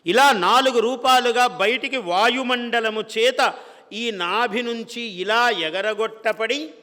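Speaking slowly in a very high-pitched, sharp voice with a long reverb tail, an Indian spiritual speaker delivers a devotional discourse. He chants verses and explains them in plain terms, frequently asking himself questions and then answering them.

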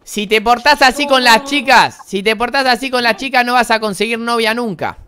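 A gaming streamer in his twenties with an Argentine accent teases and mocks other players in casual voice chat. His high-pitched voice is bright and forceful, at normal speed.

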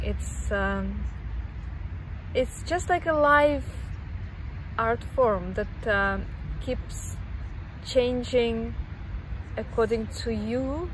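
Woman from kazakhstan, slow careful talk, bit high voice, faint outdoor noise. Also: poor audio. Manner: thoughtful, searching for words, soft-spoken. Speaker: dance teacher. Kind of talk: interview answer. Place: outdoors in a park.

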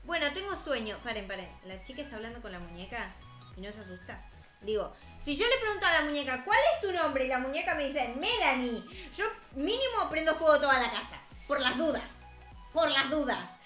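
A woman's voice: high voice, lively intonation, fairly bright tone, reverberant, soft background music. A woman, chatting and joking while reacting to a cartoon story. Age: 20s. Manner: chatty, amused, quick asides. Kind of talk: casual reaction commentary.

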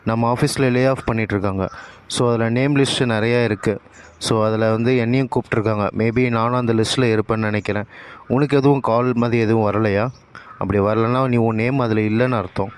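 A man's voice: mid-range voice, fairly even intonation, fairly quick, clear, resonant tone, close to an everyday voice. A man voicing a matter-of-fact female office colleague in a cartoon story, with a Tamil Nadu accent and English phrases. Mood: informing.

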